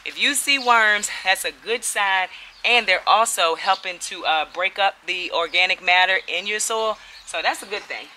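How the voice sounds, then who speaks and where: Casting: woman garden vlogger, very bright, chatty tone, faint outdoor ambience. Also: medium pitch, normal speed, a little hiss or hum. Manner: chatty, laughing, talks to viewers as y'all. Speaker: urban homesteading vlogger. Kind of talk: casual garden vlog chat.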